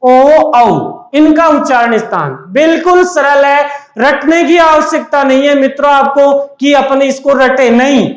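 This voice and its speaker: A man's voice: extremely high pitch, a little slow. A man giving an exam-prep lecture, asking and answering his own questions over and over. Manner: repetitive call-and-answer teaching. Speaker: teacher. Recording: echoey room.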